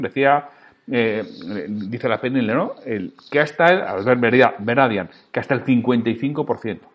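A man's voice: medium pitch, highs cut off. A man with a Spanish accent hosting a solo podcast, speaking directly and emphatically to the listener as he teaches sales.

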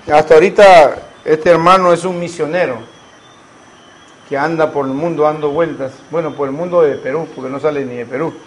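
A man's voice: fairly high pitch, fairly even intonation, normal speed, rough recording. A man, preaching a sermon as a pastor and asking the congregation rhetorical questions.

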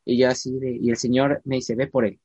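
In a casual chat, a man with a husky, mid-range voice tells a church testimony as an animated storyteller, performing the voices of the people in his story and slowing down for emphasis. The recording is dry.

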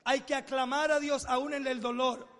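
Man preaching in a big echoey church, really high voice, stretches out his word lists. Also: level tone, a bit bright. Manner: emphatic preaching with drawn-out lists. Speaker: pastor. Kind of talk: sermon. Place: church hall. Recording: long church reverb.

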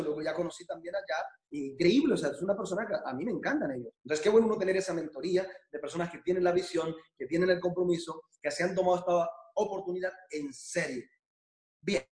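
Male business trainer, high voice, emphatic and repetitive, echoey room. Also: a little mellow. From Spain. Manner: emphatic, repeats phrases, asks for agreement. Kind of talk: motivational business training talk.

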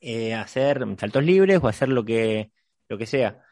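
A man hosting a conversational podcast, speaking haltingly and repeating words as he thinks. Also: mid-range voice, animated, a little mellow, no echo. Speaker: podcast host.

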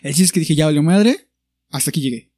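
Young Mexican man telling a story, high-pitched. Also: fast, husky, no echo. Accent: Mexican Spanish. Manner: animated storyteller who acts out quoted people. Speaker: podcast co-host. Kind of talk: casual chat, storytelling.

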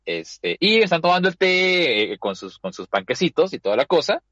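A man's voice: fairly high pitch, very animated, moderate pace, pushed and bright, no room sound, muffled recording. A man hosting a casual chat, animatedly retelling an anime episode and acting out the characters' lines. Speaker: podcast host.

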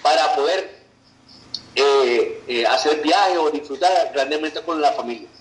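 A man's voice: a little high, unhurried, reverberant, poor audio. A man from Venezuela, giving an online business presentation in a persuasive way and often checking in with "ok" and "right". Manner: persuasive, tags sentences with "ok" and "verdad".

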